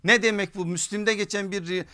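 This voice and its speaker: A man's voice: high voice, fairly even intonation, brisk, pushed and bright. A man preaching from a pulpit in a didactic religious lecture, stating rules emphatically and adding conversational asides. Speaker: preacher giving a religious lesson from a lectern. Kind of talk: sermon-like religious lecture to listeners.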